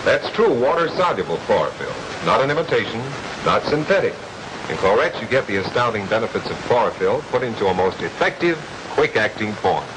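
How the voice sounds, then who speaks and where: Upbeat 1950s TV commercial announcer. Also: male voice, very animated, a little fast. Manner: upbeat, emphatic sales pitch. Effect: noisy 1950s TV broadcast audio. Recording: hissy old TV soundtrack.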